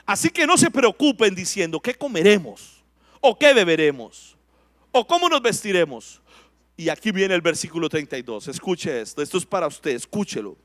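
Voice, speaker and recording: A male pastor preaching a sermon with emphatic delivery, slowing down to read scripture aloud. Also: very high voice, fairly bright tone, dry recording, studio quality.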